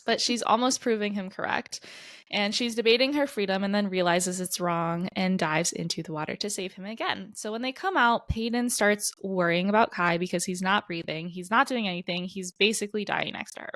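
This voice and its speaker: A woman co-hosting a podcast, retelling a story in casual chat with animated, emphatic bursts of exasperation. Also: medium pitch, fairly quick, dry recording. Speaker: podcast co-host. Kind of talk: casual book-discussion chat.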